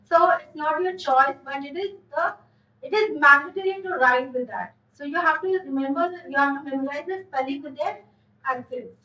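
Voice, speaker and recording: A woman's voice: sits high, normal speed, pushed and bright. A woman teaching a French lesson, explaining step by step and repeating key words. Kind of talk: online language lesson. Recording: echoey, distant, dull sound.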